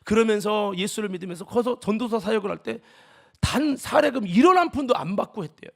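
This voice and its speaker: High, gravelly-voiced impassioned preacher man. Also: animated, fairly quick. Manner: impassioned preaching, voice rising to near shouts. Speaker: pastor. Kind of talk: sermon.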